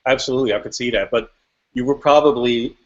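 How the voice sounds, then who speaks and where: A man's voice: mid-range voice, fast talker. A man from Switzerland, a music producer, talking casually in an interview, rambling with frequent restarts and fillers. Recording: dull lo-fi audio.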